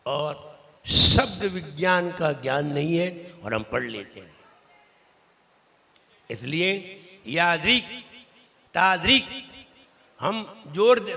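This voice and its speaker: A man, a Jain monk, teaching a recitation class in a temple hall, correcting his students' pronunciation and slowly drilling each syllable. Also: high voice, pushed and bright. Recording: long reverberant hall.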